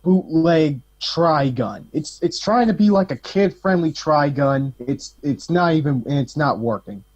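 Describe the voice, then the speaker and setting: A man's voice: fairly high pitch, expressive, a little slow, few pauses, a little mellow, highs cut off. A man chatting on a casual podcast, blunt and sarcastic, swearing freely. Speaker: podcast co-host. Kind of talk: casual rambling chat.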